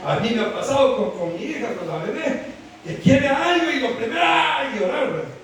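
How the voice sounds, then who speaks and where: A man preaching a sermon, animated and constantly calling on the congregation with "brother" and "right?" as he teaches. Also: very high-pitched, brisk, a little hiss or hum. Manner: animated, keeps calling on the congregation with "hermano" and "¿verdad?". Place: church hall. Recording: very echoey hall picked up from far off.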